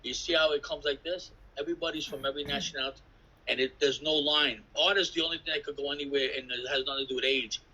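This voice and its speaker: Husky older New man rambling. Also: a little high, steady tone, quick pace, sharp tone, low-quality recording. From New York City. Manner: swearing, laughing, jumps between stories. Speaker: interviewee, graffiti artist. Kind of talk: rambling casual storytelling. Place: indoors at an artist residence. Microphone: video call.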